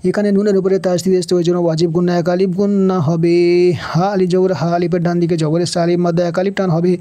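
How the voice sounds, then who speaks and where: A man teaching Quran reading in a Bangladeshi Bengali accent, spelling out letters and vowel marks slowly and then chanting the verses. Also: sits high, flat delivery, mellow. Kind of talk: Quran recitation lesson.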